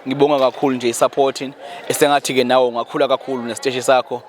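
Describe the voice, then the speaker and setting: A man's voice: mid-range voice, little pitch movement, rapid-fire. A man with a Zulu accent, a musician talking casually as an interview guest in a humble, thankful, repetitive way.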